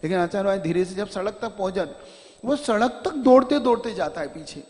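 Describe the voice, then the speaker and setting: A male monk tells a devotional story as a sermon, earnest and often emphatic. His voice sits high for a man. A long hall reverb surrounds it. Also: brisk, a little mellow. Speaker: monk preacher.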